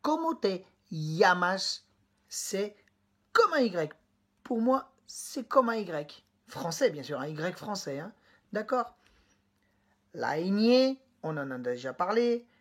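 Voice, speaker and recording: A woman teacher giving a pronunciation lesson, patiently explaining and repeating sounds slowly while speaking directly to the student. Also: medium pitch, big pitch swings. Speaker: Spanish teacher.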